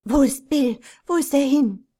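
A woman's voice: a little high, moderate pace, darkish tone, lightly acted. A woman reading aloud, voicing an anxious widowed mother in an old storybook, urgent and pleading. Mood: frantic.

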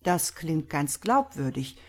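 A woman voicing an impatient, sharp-minded male doctor who questions forcefully in a read-aloud story. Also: low voice, very animated, exaggerated voice. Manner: forceful, sharp, quick to anger.

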